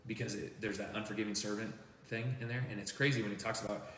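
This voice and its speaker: A man's voice: lowish voice, steady tone, fast, a bit bright, distant mic, a little hiss or hum. A man who is a pastor, talking about his faith in earnest and acting out what people said. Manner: earnest storytelling, quotes people aloud. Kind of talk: casual faith chat. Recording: roomy, echoey, from off the mic.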